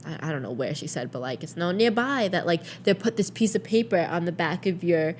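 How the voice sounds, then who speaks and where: A young woman co-hosting a casual chat show, telling animated stories full of "like" and swearing. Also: lowish voice, brisk, a little hiss or hum. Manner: animated storyteller, swears freely, lots of "like". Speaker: podcast co-host.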